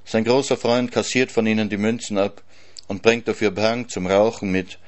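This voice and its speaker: Brief: man narrating a literary story, lowish voice, calm and measured. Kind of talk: literary reading.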